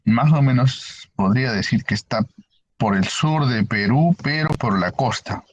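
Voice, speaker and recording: A man's voice: mid-range voice, measured pace, husky, dull audio. A male teacher explaining ideas to a class and asking them questions as he goes. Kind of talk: online university lecture.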